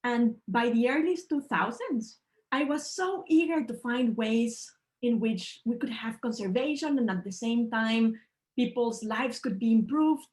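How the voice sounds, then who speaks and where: Over a rough video-call recording, a woman from Ecuador gives an online presentation talk as a panel speaker. Her voice is fairly high with a darkish tone. She comes across as earnest and measured, her phrasing slightly non-native.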